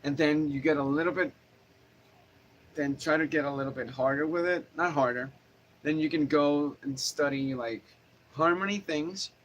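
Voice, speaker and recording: Casting: man, casual guitar teacher on a live stream, mid-pitched, rambling and self-correcting, faint hiss behind. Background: guitar playing.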